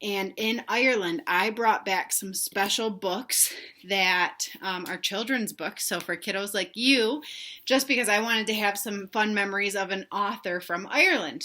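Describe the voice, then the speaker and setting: Bright-voiced teacher reading to kids. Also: female voice, mid-range voice. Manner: warm, encouraging, asks children questions. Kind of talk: children's read-aloud.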